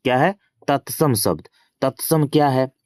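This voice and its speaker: A man's voice: medium pitch, measured pace, darkish tone, no room sound, studio quality. Teaching man. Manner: repeats each question, then answers it himself; casual teaching with English filler words. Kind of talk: exam-prep grammar lesson.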